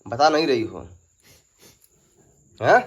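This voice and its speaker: Guy vlogging at home, keeps asking whats wrong, lively up and down voice. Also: mid-range voice, takes it slowly. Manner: coaxing, repeatedly questioning, calling out loudly. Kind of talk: casual vlog narration. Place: home, indoors.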